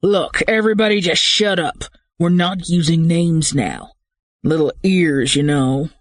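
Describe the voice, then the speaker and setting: An audiobook narrator voicing a jittery, hot-tempered male gang leader who shouts his orders. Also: measured pace, no room sound, clean studio sound, lightly acted. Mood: snapping. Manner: shouting, high-strung.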